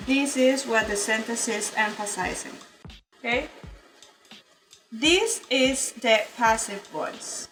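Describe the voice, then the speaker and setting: A woman's voice: on the high side, low-quality recording. Patient woman teaching grammar online. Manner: patient, explanatory, frequent "okay?" checks. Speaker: English teacher. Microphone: computer mic in virtual session.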